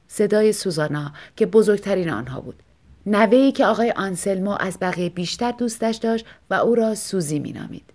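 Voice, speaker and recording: A woman narrating a translated short story for an audiobook, with measured, expressive storytelling. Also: mid-range voice.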